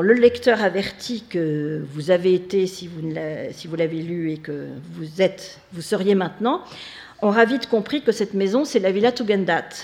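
A woman's voice: mid-range voice, a little mellow. A woman giving an academic talk, hesitant, with many fillers and restarts. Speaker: lecturer. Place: lecture hall.

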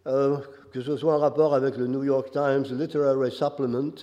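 An older man with a Quebec French accent gives an academic lecture, his voice hoarse and nasal from a cold, halting as he searches for phrasing. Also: mid-range voice, level tone, warm tone. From Quebec, Canada. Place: large reverberant lecture hall. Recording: muffled, very reverberant lecture hall.

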